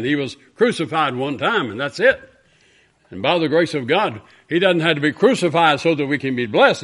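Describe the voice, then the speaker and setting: Man, preacher, impassioned sermon, hushed to booming. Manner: swings from hushed storytelling to loud impassioned peaks.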